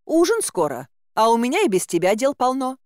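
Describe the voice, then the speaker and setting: A woman voicing a plump, bossy woman caretaker who scolds in a high, lively, folksy way. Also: a little fast, no room sound, studio quality. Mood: hurrying.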